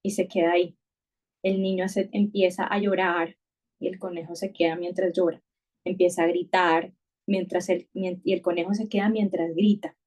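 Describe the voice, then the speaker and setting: A woman's voice: lowish voice, level tone, normal speed, a little mellow. A woman hosting a conversation. She speaks thoughtfully, often restarting and repeating words as she works through an idea. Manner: thoughtful, many restarts and repetitions. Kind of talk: reflective conversational podcast talk.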